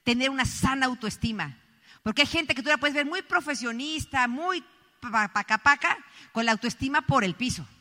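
A woman's voice: high voice, expressive, normal speed, sharp tone. A middle-aged woman from Colombia giving an emphatic motivational talk, telling stories and speaking straight to the audience. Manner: emphatic, storytelling, addresses the audience directly. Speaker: motivational speaker at a business event. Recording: echoey hall reverb.

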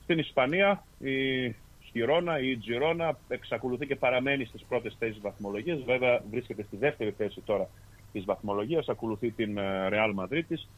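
A man hosting a sports podcast, reading league standings and chatting in a steady, methodical way with fillers and self-corrections. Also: medium pitch, rough recording. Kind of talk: reading sports results and casual chat. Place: lives in Australia.

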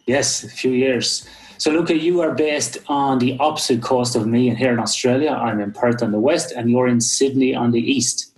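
An Irish-accented man hosts a podcast interview from his home in Australia, sounding upbeat and encouraging as he introduces and questions his guest. His voice is medium-pitched at a normal speed, and the audio is poor.

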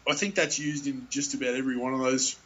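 A man's voice: mid-range voice, little pitch movement, fast talker, fairly bright tone. Man, casual talker, rambles with fillers and laughs, muffled lo-fi audio. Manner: rambling, many fillers and restarts, laughs often. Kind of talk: casual chat about films.

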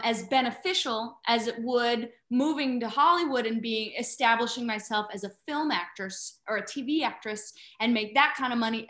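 A woman in her thirties chats casually as a guest, telling stories with lively energy and frequent laughter. Her voice is bright and slightly high. The recording has a noticeable roomy echo. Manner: animated storyteller, laughs often. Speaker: actress guest. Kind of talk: casual chat.

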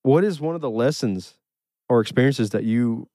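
Guy running a podcast chat, warm mellow voice, tosses out questions. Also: mid-range voice, normal speed, no room sound. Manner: leads topics, asks questions. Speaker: podcast host. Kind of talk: casual chat.

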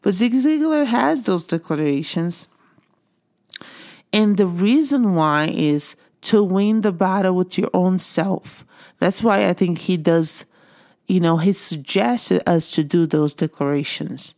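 Taking her time, a middle-aged woman from Brazil speaks in a low, expressive, slightly mellow voice with a Brazilian Portuguese accent. As a motivational speaker, she offers viewers an earnest, encouraging monologue, repeating phrases for emphasis.

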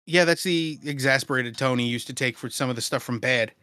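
A man's voice: mid-range voice, a little fast, bright, forceful tone, dry recording, clean studio sound. A man co-hosting a casual podcast, teasing and swearing while talking in a car. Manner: teasing, profane banter. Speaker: podcast co-host. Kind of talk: casual chat.

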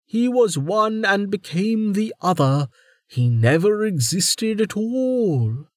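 A man putting on a very old, imperious female warden, pitched well above his normal voice and drawling with slow, mocking emphasis. She sounds teasing and sardonic, delivered in a close, dry audiobook read. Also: sing-song, no room sound, exaggerated voice. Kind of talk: audiobook character voice.

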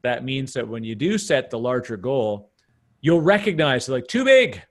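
A man's voice: medium pitch, animated, normal speed. A man with a Canadian accent hosting a podcast, talking animatedly with lots of restarts and emphatic asides. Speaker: podcast host. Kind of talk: casual podcast conversation.

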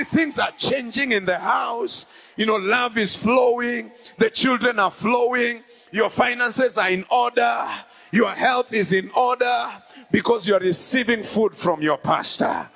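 Male bishop, high bright voice, slow and drawn-out delivery, fervent call-and-response sermon. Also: gravelly. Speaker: bishop preaching.

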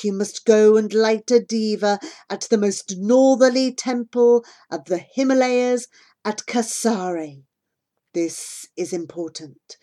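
A woman voicing an old female fortune-teller in a storybook, with a crackly, low, rumbling voice and slow, solemn delivery. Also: dark tone, natural voice. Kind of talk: audiobook character voice.

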